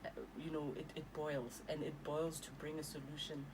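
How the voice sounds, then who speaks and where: Her voice is low and level at a normal speed, against a noisy background. She's a South African author and evangelist in her thirties, an earnest radio studio guest who switches languages within sentences.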